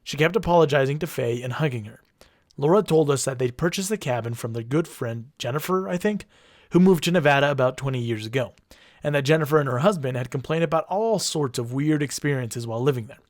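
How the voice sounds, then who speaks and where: A podcast co-host with a mid-range voice talks fast as he narrates a creepy story, casual in tone and peppered with wry, deadpan jokes. The recording sounds dry.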